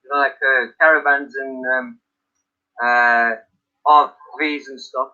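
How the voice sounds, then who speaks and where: A man hosting a live stream from his attic, telling animated stories, laughing and swearing freely in casual chat. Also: medium pitch, takes it slowly. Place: indoors by an open attic window. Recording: dull lo-fi stream audio.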